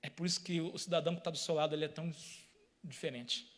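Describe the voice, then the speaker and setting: Male preacher, high pitch, emphatic sermon delivery. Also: fairly even intonation, quick pace. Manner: emphatic, repetitive, addresses the congregation directly.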